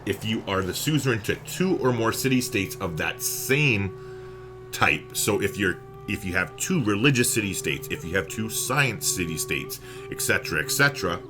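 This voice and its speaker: A man giving casual, enthusiastic strategy game commentary, chatty and swearing freely. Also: fairly low pitch.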